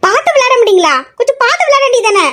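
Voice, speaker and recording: A bossy, caring young woman, voiced by a woman, scolds her friend and fusses over others in a homemade audio drama. She talks fast and in a high voice. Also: lightly acted. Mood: alarmed. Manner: scolding, fussing.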